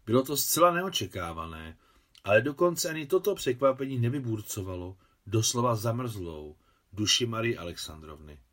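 A man narrating a translated novel as an expressive literary audiobook reading. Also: fairly low pitch.

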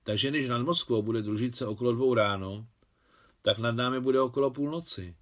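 A man's voice: mid-range voice, a bit bright, natural voice. A man reading the lines of an older émigré woman in an audiobook, his voice lifted and exclamatory. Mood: brisk.

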